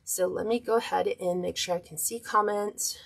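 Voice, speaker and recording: Woman, mid-pitch, casual and friendly craft instructor on a livestream, greets viewers while working at a table. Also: steady tone, moderate pace, gravelly, slightly rough. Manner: chatty, greets viewers by name. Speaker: wreath-making instructor. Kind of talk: live-streamed craft tutorial. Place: indoor craft table, overhead camera.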